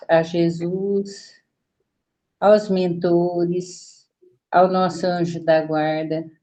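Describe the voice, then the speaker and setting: A woman leading an opening prayer on a video call, soft and serene. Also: medium pitch. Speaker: prayer leader. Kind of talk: slow guided opening prayer.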